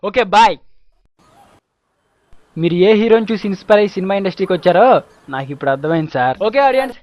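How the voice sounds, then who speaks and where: A man's voice: high-pitched, no echo. Brief: man, playful mock-pompous banter in a comic sketch, dry close recording. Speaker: comic performer playing both anchor and film star. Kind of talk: comic spoof interview.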